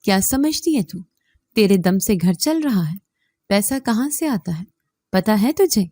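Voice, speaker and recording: A woman voicing an abusive middle-aged father who shouts harsh threats in a raised, loud voice. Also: mid-range voice, lively intonation, no room sound, clean studio sound, lightly acted. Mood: furious, threatening.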